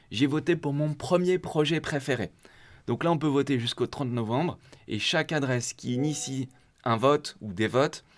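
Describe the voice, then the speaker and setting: A man hosting a community channel, talking casually as he walks viewers through a software setup step by step. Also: medium pitch. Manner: chatty and informal, walking viewers through clicks step by step. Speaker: host of a crypto community channel. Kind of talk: casual screen-share tutorial.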